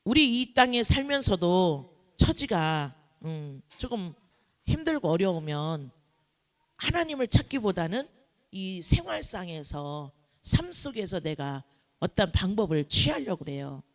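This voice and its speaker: A man's voice: high-pitched, sing-song, measured pace. A male pastor giving a sermon in church, asking the congregation rhetorical questions and acting out what people say. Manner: preaching with rhetorical questions and acted-out quotes.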